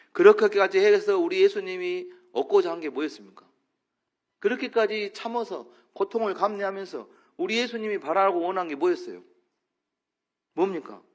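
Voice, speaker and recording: A man preaching as pastor in a church, animated and questioning, acting out short quotes for the congregation. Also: fairly high pitch. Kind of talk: sermon.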